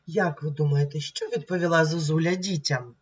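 A woman teacher giving a slow, clear reading lesson to young children, sounding words out one by one. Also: low voice, muffled recording. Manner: sounds words out slowly and deliberately. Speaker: primary school teacher.

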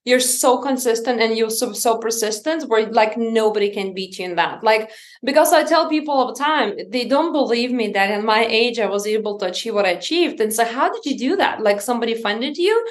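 Lithuanian-born founder in her thirties, bright higher voice, eager non-native English, heard over a video call. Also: brisk. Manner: energetic, earnest, non-native grammar. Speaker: guest, company founder. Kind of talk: casual interview talk. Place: indoor room at home.

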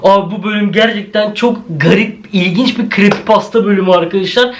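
A man's voice: high-pitched, a little fast, poor audio. A male YouTuber giving a jumpy horror video reaction, swearing often and talking straight to his viewers.

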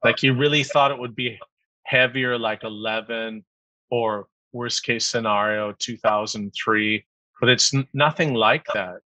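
Male wine critic host, bright tense tone, dry close sound. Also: medium pitch, unhurried, dry recording, low-quality recording. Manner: relaxed conversational, short backchannels. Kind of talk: Zoom wine tasting interview. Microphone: video call.

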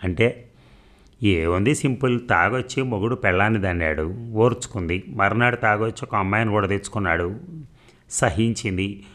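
A man with a fairly low, slightly bright voice narrates an audiobook of a novel at a moderate pace, voicing every part himself. He reads dialogue with light changes in his voice and makes a few slips and restarts along the way.

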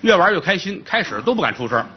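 A man's voice: high voice, sing-song, quick pace, dull audio, a little hiss or hum. A man telling a classic tale as a traditional comic storyteller, colloquial and full of comic asides.

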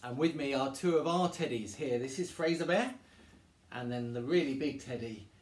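A man reading a children's story aloud in a gentle, storytelling manner, in an echoey room. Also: medium pitch, normal speed.

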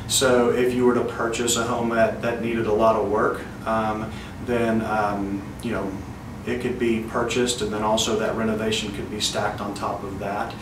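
A man's voice: on the low side, moderate pace. A man in his thirties, a bank loan officer, talks casually to the camera in an office, with many fillers, recorded by a camera mic a few feet away. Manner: relaxed, conversational, with frequent "um" fillers. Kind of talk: casual to-camera product pitch. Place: indoor office in front of a wall poster. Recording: roomy office sound, slightly distant mic, faint room hiss.

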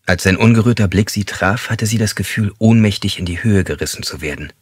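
Guy narrating a thriller audiobook, low husky voice, dry close sound. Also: a little fast, no echo.

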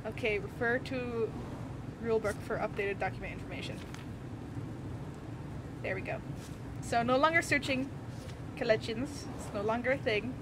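A woman's voice: on the high side, moderate pace, pauses often, noisy background. A woman giving casual, flustered running commentary on her gameplay as she plays. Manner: flustered, self-talking, giggly. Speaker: gameplay streamer.

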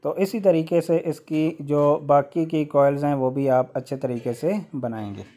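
A man hosting a how-to video, explaining a workshop machine step by step with occasional hesitant "uh" pauses. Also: a little high, fairly even intonation, dark tone. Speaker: electrician channel host.

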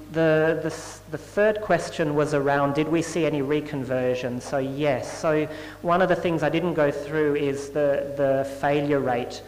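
A man presents research findings in a measured, explanatory manner, his voice sitting a little high. The sound is roomy, with a long reverb from a large conference hall. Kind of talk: scientific conference talk and Q&A.

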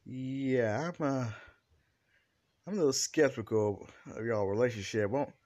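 A man's voice: mid-range voice, measured pace, a little mellow, no echo, muffled recording, lightly acted. A man voicing a skeptical group of young friends, sounding doubtful and teasing while he tells a fan story.

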